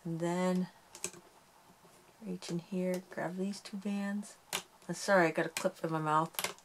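A woman's voice: fairly low pitch, fairly even intonation, normal speed, a little hiss or hum. A woman hosting a casual craft tutorial, chatty and self-deprecating as she talks through each step while working with her hands.

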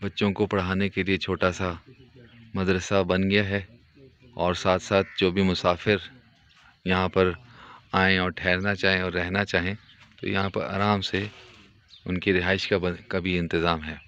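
A man gives calm, devout, descriptive commentary while walking a foggy rural track, filming on a handheld phone. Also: low-pitched, unhurried, long pauses, clean tone, muffled recording.

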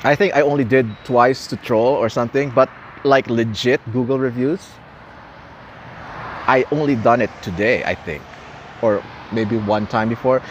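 Speaking at a moderate pace in a medium-pitched voice, a young Tagalog-speaking man chats casually with his live stream viewers, often laughing and repeating words. It's night at an outdoor gas station, recorded on a phone camera at arm's length with the highs cut off. Faint outdoor noise, traffic and city ambience fill the background.

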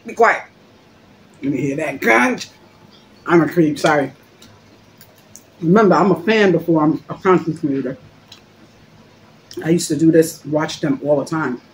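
A woman's voice: lowish voice, slight background noise. Chatty woman hosting a mukbang on a phone. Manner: chatty and joking, talks with her mouth full. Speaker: mukbang host. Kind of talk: casual eating-show chat.

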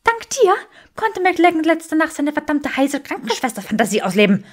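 A woman voicing a furious, sharp-tongued young witch in a fan fiction audiobook, snapping back in a high, shrill voice. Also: big pitch swings, normal speed.

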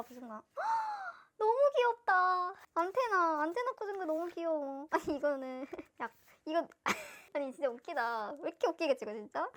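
A young woman gushing and gasping as she unboxes albums in a casual vlog. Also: high-pitched. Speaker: fan vlogger unboxing albums.

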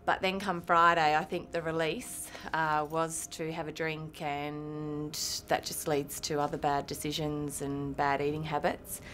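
A woman's voice: low-pitched, level tone, measured pace, few pauses, a bit bright, slight background noise. A woman with an Australian accent, a married mum speaking in an interview, thoughtful and a little hesitant. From Sydney, Australia. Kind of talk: interview testimony.

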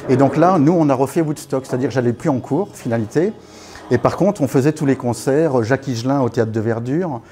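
A man's voice: mid-range voice, fairly quick, warm tone. A man in his fifties telling his life story at a networking evening, casual and anecdotal, with many fillers and restarts, recorded by a far camera in a small meeting room. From born in Congo, raised in Africa, French parents. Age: 50s. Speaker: guest speaker at a networking evening. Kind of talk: personal storytelling talk.

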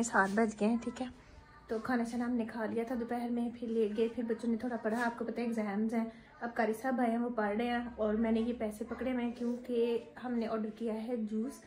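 A woman's voice: on the high side, a little mellow, rough recording. A woman in her thirties with a Punjabi accent, chatting casually to camera at home while talking with her kids. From Pakistan. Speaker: vlogger mother. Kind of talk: casual home vlog chat. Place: home bedroom.

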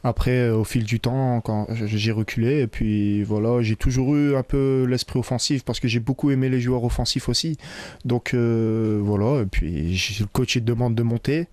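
A young man from France, a football player, answering post-match questions in a locker room, relaxed with many fillers, into a handheld mic. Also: mid-range voice, normal speed, no echo. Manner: relaxed, many filler sounds, loose phrasing. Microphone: interviewer's handheld mic.

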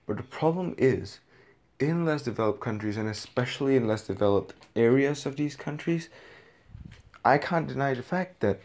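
An Indonesian man delivers a reflective personal monologue as a video essayist, pausing deliberately and repeating words for emphasis. His voice sits lowish and has a slightly mellow quality.

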